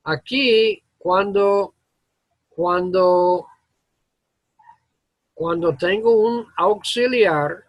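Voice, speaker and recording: Profe hablando lento, voz ronquita y seca, mete palabras en inglés. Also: male voice, high-pitched, no echo, lo-fi sound. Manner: slow, halting explanations mixing English words into Spanish. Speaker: English teacher. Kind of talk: classroom grammar lesson. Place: classroom.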